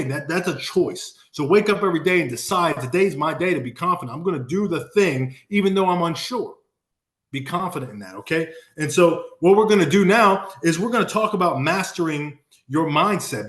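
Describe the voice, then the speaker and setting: A man's voice: on the high side, fairly bright tone, reverberant. A man giving a motivational sales talk on a video call, emphatic and repeating his key phrases for punch. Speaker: sales coach and Marine.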